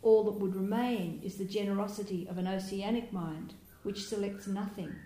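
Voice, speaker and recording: A woman's voice: medium pitch, fairly even intonation, moderate pace. Reflective woman teaching in an echoey room. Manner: gentle, reflective, with soft laughs and hesitations. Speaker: meditation teacher. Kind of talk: Buddhist dharma talk. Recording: roomy hall with faint background noise.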